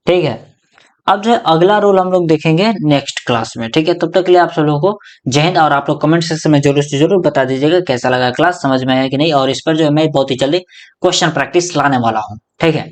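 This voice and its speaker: A young man giving a classroom grammar lecture as a teacher, mixing in English words and repeating each key point as a question he then answers himself. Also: on the high side. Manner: mixes English words into explanations.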